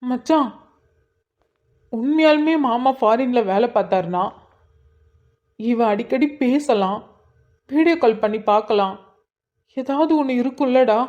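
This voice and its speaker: A woman's voice: on the high side, lively intonation, a little slow, pauses often, a little mellow, lo-fi sound. A woman voicing an angry young man who scolds his sister and pleads with his friend, in a cartoon drama. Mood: pleading. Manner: pleading, accusing. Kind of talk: cartoon voice acting.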